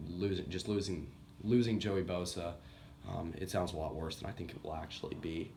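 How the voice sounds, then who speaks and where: A young sports YouTuber, sick and coughing, rambles casually through a college football team preview on his channel, correcting himself along the way. His voice sits low, with slight background noise.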